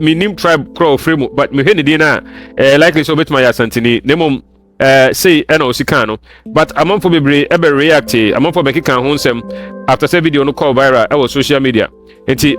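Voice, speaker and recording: A man with a Ghanaian accent hosting a commentary, talking in a measured, hedging way. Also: medium pitch. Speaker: channel host. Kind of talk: commentary mixing Twi and English.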